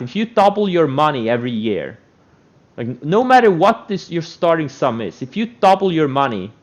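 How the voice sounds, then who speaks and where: A man giving an unscripted motivational trading rant, speaking in a blunt, emphatic and repetitive way. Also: mid-range voice. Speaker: stock trader giving trading advice. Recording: dull, lo-fi microphone sound.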